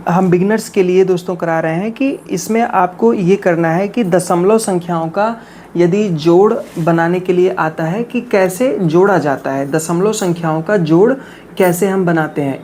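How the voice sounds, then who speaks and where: A woman's voice: fairly low pitch, mellow, slight background noise. A woman teaching a math lesson for beginners, walking through each step patiently and reading digits one by one. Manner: slow and patient, reads digits one by one, often says "ठीक है".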